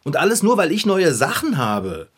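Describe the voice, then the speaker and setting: A man playing a cheerful, vain young bike mechanic in a children's series, chatty, easily hurt and quick to protest. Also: a little high, wildly swooping pitch, husky, full character voice. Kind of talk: children's TV acting.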